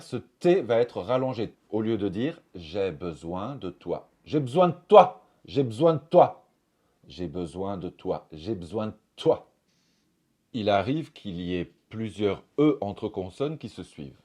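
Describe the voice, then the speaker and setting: A man's voice: fairly low pitch, mellow. A man with a French accent teaching a pronunciation lesson, speaking carefully and repeating example phrases. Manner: slow, careful, demonstrating phrases by repeating them.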